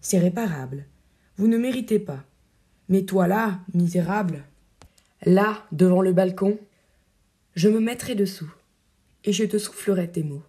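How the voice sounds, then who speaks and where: A woman reading the part of a bold, scheming male swordsman-poet who gives hushed, urgent orders. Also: mid-range voice, unhurried, long pauses, breathy edge. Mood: commanding.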